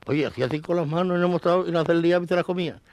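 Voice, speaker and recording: A man telling a lively, colloquial anecdote, dropping syllables and throwing in exclamations. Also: fairly high pitch, very fast, slight background noise. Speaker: storyteller.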